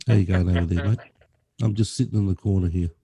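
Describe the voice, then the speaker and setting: A muffled Australian man, his voice dull and dark as if it comes through a wall. He sounds a bit hoarse and under the weather, and talks easygoingly over a video call, calling everyone mate. The sound is very dry. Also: fairly even intonation, fast, no room sound. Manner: easygoing, says "mate" often, fumbles with his audio settings. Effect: muffled and low, as if heard through a wall. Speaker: call-in guest on a hobby chat show. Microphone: desktop mic on a video call.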